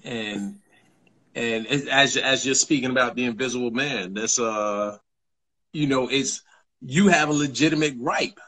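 A man hosting a podcast in casual chat, thoughtful and slow, often restarting phrases. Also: mid-range voice, pushed and bright. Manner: thoughtful, restarts phrases, stretches words slowly. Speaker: podcast host.

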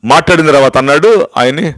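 Older pastor guy, kinda high voice, preachy storytelling, keeps asking "you know?", mixes in english, dry close sound. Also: fast, a bit bright, no echo, poor audio. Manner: switches to English phrases for emphasis; storytelling with repeated rhetorical questions. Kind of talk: emphatic sermon-style testimony.

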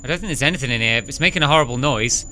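A man's voice: medium pitch, racing, music in the background. A young British man streaming a horror game as a scared, jumpy player who mutters commentary and shrieks and swears at scares, close on a desk mic. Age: young adult. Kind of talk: live gaming commentary. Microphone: close desk microphone, headset on.

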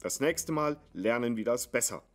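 A man voicing a young male student dressed as Santa, who scolds the family in a deep, stern, schoolmasterly tone. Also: animated, moderate pace, soft background music, natural voice.

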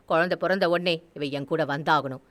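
A woman voicing a furious, heartbroken elder brother who shouts, scolds and gives orders. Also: high voice, expressive, brisk. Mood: stern commanding. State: tearful.

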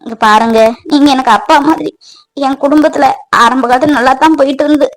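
A woman's voice: high voice, fast talker, pitched below the performer's own voice, natural voice, low-quality recording. A woman voicing a firm, reproachful middle-aged mother in a cartoon family drama. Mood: explaining.

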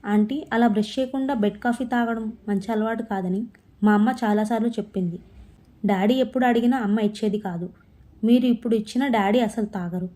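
A woman's voice: on the high side, a little fast, dark tone, close to an everyday voice. A woman voicing a young girl who misses her late mother, with plain, earnest, pleading lines in a storybook reading. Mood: confident.

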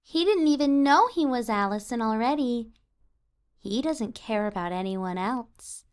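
A woman's voice: fairly high pitch, animated, unhurried, clear, resonant tone. A woman playing a cool, manipulative little sister in an amateur radio play, detached and taunting.

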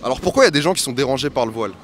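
A man's voice: medium pitch, expressive, slight background noise. A young man doing a casual street interview with a handheld mic in a busy city square. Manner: quick, casual questioning. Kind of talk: vox pop street interview.

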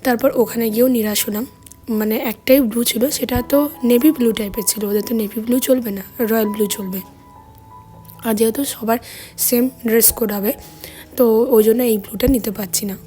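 A hoarse woman, chatting casually as she narrates her daily vlog. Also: fairly high pitch, fairly even intonation, moderate pace, warm tone, faint music behind. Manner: chatty, storytelling. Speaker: vlogger.

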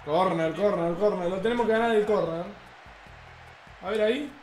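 High-pitched Argentine streamer yelling at a match. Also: male voice, moderate pace, reverberant, over music. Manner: loud cheering, yelling at the referee. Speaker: gaming streamer. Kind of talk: excited live gameplay commentary.

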